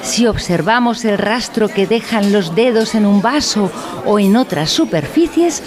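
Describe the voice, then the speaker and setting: In a mock-instructional audio drama, a woman narrates as a stuffy instructor, lecturing in formal, grandiose, solemn language. Her expressive mid-range voice stays unhurried and close to her everyday one, with crowd noise audible.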